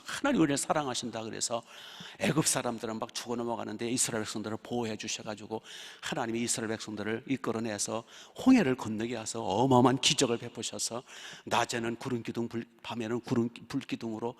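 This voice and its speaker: Gravelly man preaching in a reverberant hall. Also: medium pitch. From Chungcheong region, South Korea. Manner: lively storytelling with rhetorical questions to the congregation. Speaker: pastor. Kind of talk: sermon. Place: church sanctuary.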